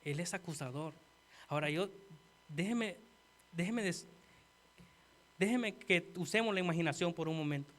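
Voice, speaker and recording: A man preaching a sermon earnestly, talking straight to the congregation and swinging from quiet asides to loud emphasis. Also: fairly high pitch, normal speed, long pauses. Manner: earnest, addresses listeners as "hermano".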